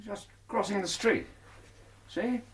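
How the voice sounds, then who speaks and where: An actor in a radio drama playing an amiable, curious army doctor who is conversational, questioning and a bit sceptical. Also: male voice, high voice, slow, a bit bright, a little hiss or hum. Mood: casual.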